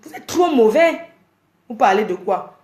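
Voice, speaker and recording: A woman's voice: a little high, animated, measured pace, darkish tone, echoey room. A woman ranting at her fans on a casual live stream, scolding and exasperated as she lectures her viewers. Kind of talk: casual Facebook live rant.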